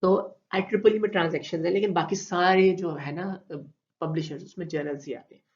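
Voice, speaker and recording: A man with a Pakistani Urdu accent giving a recorded online lecture, explaining slowly with repeated terms and many fillers. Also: high-pitched, fairly even intonation. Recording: dull lo-fi recording.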